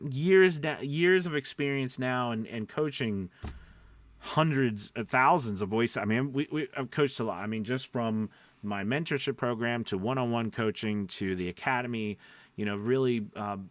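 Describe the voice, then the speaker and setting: Recorded dry, a man with a medium-pitched voice mentors as a voice-over coach. He talks informally and emphatically, rambling, cutting himself off mid-thought, and frequently checking in with quick questions.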